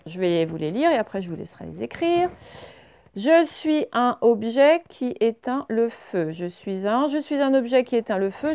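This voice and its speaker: A French woman teaching a reading lesson, speaking slowly and clearly and spelling words out letter by letter. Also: medium pitch, a little mellow.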